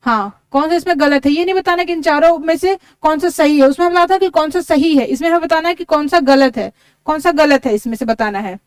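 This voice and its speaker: A woman's voice: high voice, fairly quick, no echo. A woman teaching an exam-prep lesson, explaining step by step and spelling words out letter by letter. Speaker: English teacher.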